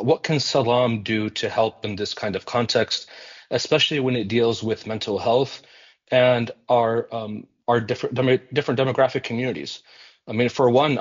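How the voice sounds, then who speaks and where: A man of ordinary pitch gives earnest remarks at a civic meeting, measured and thoughtful, with many ums and uhs. The sound is somewhat dull and muffled, as if the recording loses its highs. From United States. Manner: earnest, measured, with frequent fillers. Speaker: community center representative.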